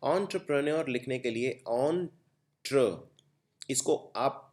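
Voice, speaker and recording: A man's voice: mid-range voice, slow, darkish tone. A young man with an Indian accent teaching exam vocabulary, explaining step by step and spelling words out letter by letter. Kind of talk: exam-prep vocabulary lesson.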